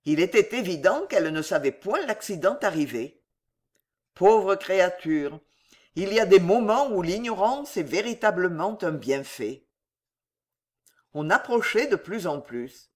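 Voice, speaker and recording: An audiobook narrator reading a classic novel in a measured, expressive way. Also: mid-range voice.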